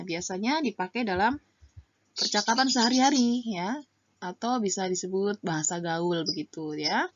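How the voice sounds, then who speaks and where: Woman teacher, patient and chatty, mid-pitched voice, dull lo-fi sound. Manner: patient, addresses students as friends, many fillers. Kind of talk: online class lesson. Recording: dull lo-fi audio.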